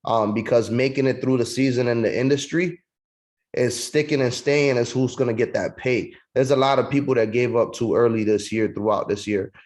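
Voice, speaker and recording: Steady and darkish in tone, a medium-pitched male voice at a moderate pace leads an online sales training session. The speaker, from Puerto Rico and brought up in New York City, keeps it casual and slangy, calling everyone "man" or "bro."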